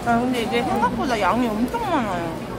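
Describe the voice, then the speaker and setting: High lively woman talking with a full mouth. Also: brisk. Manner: chatty, exclaims over the food. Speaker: food vlogger. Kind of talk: casual eating vlog. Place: outdoor night market. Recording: loud noisy crowded street. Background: loud crowd and street noise.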